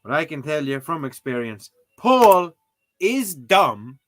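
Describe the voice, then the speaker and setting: This casual livestream features a man learning a language who jokes and drops mock exclamations as he tackles a lesson. His fairly high, fairly bright voice moves slowly and has big pitch swings.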